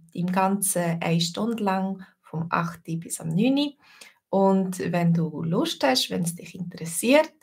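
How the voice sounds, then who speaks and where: A woman with a Swiss German accent, giving a casual online lesson as a language teacher, slow and hesitant with many fillers. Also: fairly low pitch.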